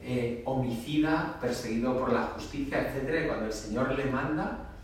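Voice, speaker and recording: A man's voice: medium pitch, moderate pace, a little hiss or hum. A man, a priest, giving a homily in an emphatic, conversational preaching style. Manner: emphatic, conversational preaching with dramatic quoted voices. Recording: echoey church from far off.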